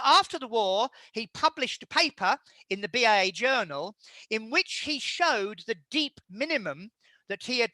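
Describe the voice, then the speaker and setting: Male lecturer, bright forward voice, dry close sound, measured delivery with many hesitations. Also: sits high, no room sound. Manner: measured, halting with frequent fillers. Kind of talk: illustrated history talk.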